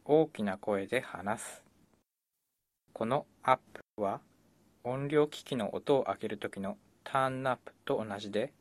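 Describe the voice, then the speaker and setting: A man's voice: on the low side, no echo. Man narrating a scripted language lesson. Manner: measured, explanatory.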